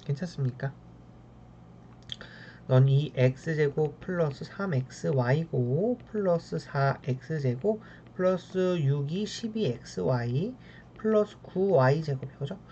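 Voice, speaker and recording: Woman math teacher, low voice, keeps checking in with students, dull lo-fi recording with faint ambient noise. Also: expressive, takes it slowly, dark tone. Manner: keeps checking in with a tag question after each step; talks to the math terms as if addressing them. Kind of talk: lecture working through problems.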